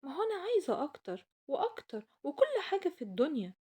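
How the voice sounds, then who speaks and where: A woman with an Egyptian accent voicing an eager, wishful little girl in a children's story, pleading and excitable. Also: high-pitched, fast talker, pitched above the performer's own voice.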